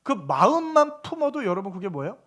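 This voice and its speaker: High-voiced man preaching a sermon. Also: sing-song, a little fast, a bit bright. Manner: preaching, asks the congregation questions, acts out quoted voices. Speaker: pastor. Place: church sanctuary.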